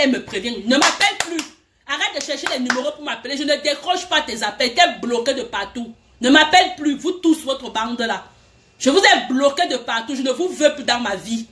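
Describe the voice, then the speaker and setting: A woman's voice: high voice, fairly bright tone. A woman vents in a furious direct-address rant. She talks in heated bursts, throws accusations and repeats her lines. A faint hiss sits under her voice. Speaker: vlogger.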